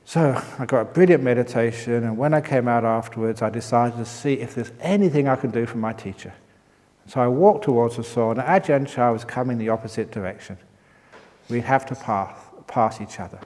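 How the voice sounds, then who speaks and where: A middle-aged monk giving a dharma talk at a retreat, telling stories in a playful way. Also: male voice, medium pitch, fairly quick, a little mellow. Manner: storytelling, breaks into laughter. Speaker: meditation teacher monk. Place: meditation hall at a retreat. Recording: long hall reverb.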